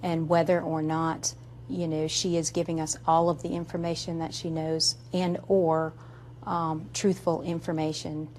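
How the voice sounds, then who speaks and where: Flat, low-voiced woman speaking carefully. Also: measured pace, a little hiss or hum. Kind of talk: interview.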